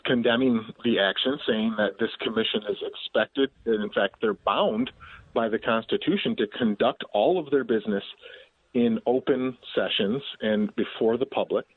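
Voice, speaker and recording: A man's voice: medium pitch, moderate pace, husky, no echo. A male activist speaking emphatically in a phone interview, indignant. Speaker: activist guest. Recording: tinny phone line.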